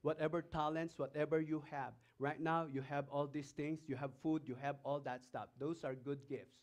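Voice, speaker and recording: A man's voice: on the high side, fairly even intonation, normal speed. A man with a Filipino accent preaching a sermon as pastor, reading scripture aloud and putting emphatic questions to the congregation. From Philippines. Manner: reads scripture passages aloud between remarks.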